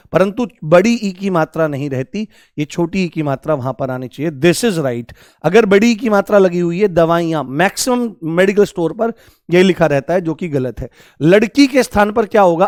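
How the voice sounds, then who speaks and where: A man with a fairly high voice runs a live online grammar class. He repeats each key word and keeps asking his students to call out examples. The sound is close and dry, with no room echo. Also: darkish tone. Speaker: Hindi grammar teacher.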